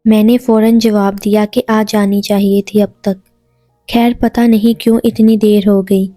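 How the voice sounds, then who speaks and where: A woman narrating a first-person romantic audio story in an even, unhurried reading voice. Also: mid-range voice, dry recording, faint music behind.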